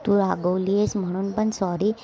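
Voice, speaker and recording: A woman's voice: mid-range voice, flat delivery, normal speed, warm tone, a little hiss or hum, lightly acted, poor audio. A woman reading a remorseful young husband. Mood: pleading. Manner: read aloud in a plain narrating voice.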